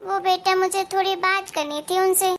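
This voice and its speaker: Figure: a woman doing a gentle worried mother, high voice. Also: steady tone, moderate pace. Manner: soft, reassuring, explaining.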